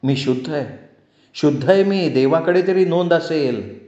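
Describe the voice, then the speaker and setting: A man voicing a grieving middle-aged village mother who begs her son, raising his voice high and tearful. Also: takes it slowly, darkish tone, close to an everyday voice. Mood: pleading. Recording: roomy dull lo-fi sound.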